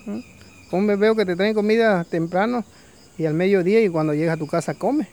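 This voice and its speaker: A man's voice: high voice, fairly quick, a little mellow. A man voicing a weary, sorrowful male vulture in a folk tale, telling a farmer patiently why its life is hard. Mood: warning.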